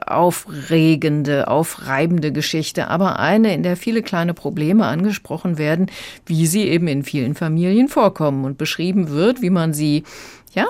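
A woman critic calmly discussing a children's audiobook on the radio, reflective and with light laughter. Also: sits low, no echo. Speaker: book critic. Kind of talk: radio book review.

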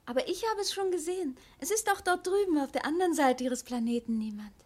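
A woman voices a little boy prince with a high, light voice. He is innocent, polite and full of earnest questions, in the manner of a storybook audio play. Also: quick pace, natural voice. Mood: matter-of-fact. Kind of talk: children's audio drama acting.

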